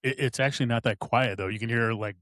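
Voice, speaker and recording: A man's voice: mid-range voice, fairly even intonation, fast talker, a bit bright, no echo. Laid-back swearing man, dry close mic. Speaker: podcast co-host. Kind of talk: casual chat.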